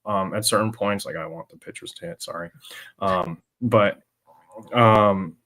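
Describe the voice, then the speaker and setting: Man, somewhat low voice, stammering casual sports opinions. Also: fairly bright tone. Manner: halting, stammering restarts, many fillers. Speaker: podcast co-host.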